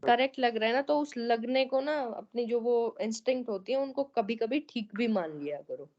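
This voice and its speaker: A woman teaching over an online call, her voice sitting a little high. She explains patiently and keeps checking in with her students. The audio is muffled and lo-fi. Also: moderate pace. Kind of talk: online class feedback on student essays. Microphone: online meeting audio.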